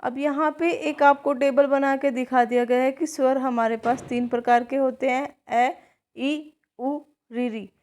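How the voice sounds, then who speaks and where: A woman's voice: high-pitched, level tone, normal speed, hardly any pauses, darkish tone. A woman teaching a grammar lesson for exam preparation, reciting letters one by one and explaining them patiently.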